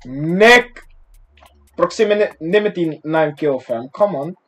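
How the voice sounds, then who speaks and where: A young man from the Netherlands giving excitable, slang-filled gameplay commentary, breaking into sudden yelps and shouts. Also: on the high side, moderate pace, husky. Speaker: gaming streamer.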